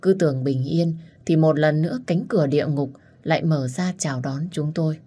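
A woman's voice: low voice, moderate pace, warm tone, slightly rough. A young adult woman narrating a first-person family story in a plain, reflective way.

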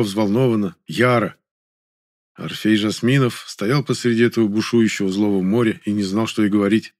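Man, low voice, wry first-person audiobook narration. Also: a little mellow.

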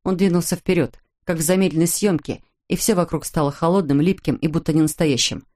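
A woman with a fairly low voice narrates an audiobook. Her reading is measured and dramatic. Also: a little mellow. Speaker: audiobook reader. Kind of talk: scripted narration.

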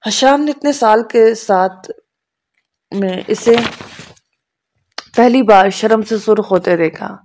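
A woman narrating a novel as an audiobook, in an even, measured storytelling manner. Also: mid-range voice.

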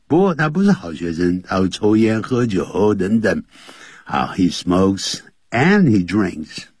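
A man teaching English grammar on a radio lesson, lively and jokey, acting out example dialogues. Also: on the low side, husky, no echo, clean studio sound. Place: radio studio.

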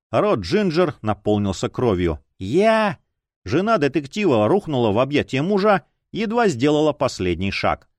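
A man reading a dark fantasy audiobook with expressive, scripted narration and dramatic, varied delivery. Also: a little high, dry recording.

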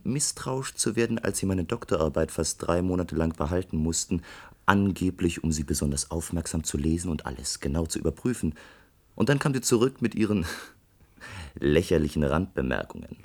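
Playing a bitter, gifted young doctoral student in a German radio play, a male actor uses a low, animated voice. He sounds sarcastic and accusing, with a deliberate delivery.

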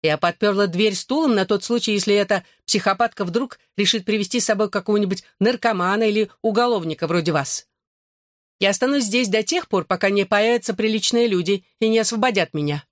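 A man reading an audiobook who voices a paranoid, furious woman around forty, with a shrill, hostile and suspicious delivery. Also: fairly quick, no echo, studio quality, lightly acted. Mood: indignant.

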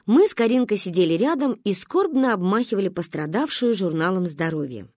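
A woman reading a children's story aloud as narrator, with expressive storytelling. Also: medium pitch, a little fast, dry recording, studio quality.

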